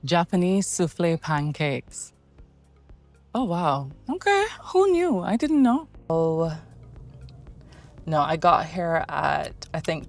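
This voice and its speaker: This deep-voiced woman from Barbados is vlogging on a handheld phone as she does errands in the city, moving between car and shops. She keeps the chat casual and poses questions to her viewers, with slight background noise behind her.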